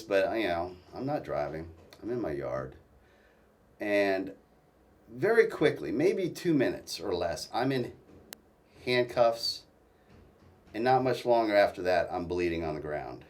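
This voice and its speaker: A man telling his own story as a guest in a casual interview, halting and restarting often. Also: lowish voice, a little mellow, far from the mic.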